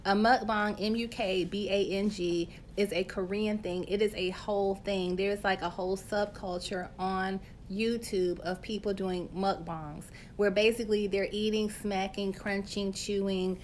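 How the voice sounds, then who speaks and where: A woman's voice: mid-range voice, steady tone, a little slow, hardly any pauses, a little hiss or hum. A woman hosting a casual live stream on her phone, chatty and playful, reading viewer comments and talking straight to her audience. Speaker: host of a live stream, health coach.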